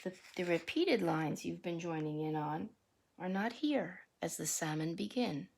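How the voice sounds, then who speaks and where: A woman with a lowish, gravelly, somewhat dark voice reads a rhyming picture book aloud like a teacher, taking her time and adding explanations and questions for young listeners. Her intonation is lively, and there's slight background noise.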